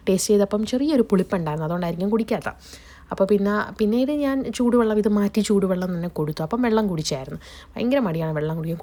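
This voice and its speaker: A woman's voice: medium pitch, mellow. A young woman vlogging at home with a cold, chattily explaining her day and cooking to viewers. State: has a cold, voice changed. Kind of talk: casual vlog narration. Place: family home kitchen, indoors.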